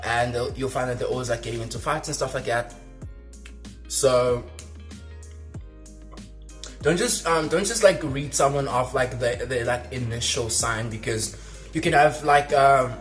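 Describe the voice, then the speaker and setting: A man's voice: medium pitch, a little slow, pauses often, soft background music. A young man chatting casually on his vlog, rambling with lots of fillers while he eats. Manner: talking while eating. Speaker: vlogger. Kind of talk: casual mukbang chat.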